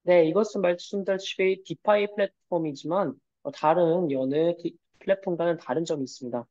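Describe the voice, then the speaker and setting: Interpreter, man, formal polite delivery with hesitations; rapid and slightly high, dull lo-fi recording. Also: darkish tone. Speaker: Korean interpreter. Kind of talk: consecutive interpreting in a webinar.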